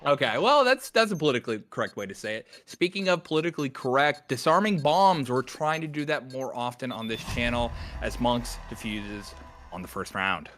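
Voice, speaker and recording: A man calling a video game match as co-caster, joking between quick play-by-play calls. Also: medium pitch, animated, fairly bright tone, slight background noise. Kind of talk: play-by-play esports commentary.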